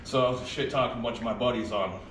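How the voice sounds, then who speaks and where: A man's voice: medium pitch, quick pace. A man casually tells a rambling, profane story about a police visit and acts out what people said. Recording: roomy, distant, noisy video clip.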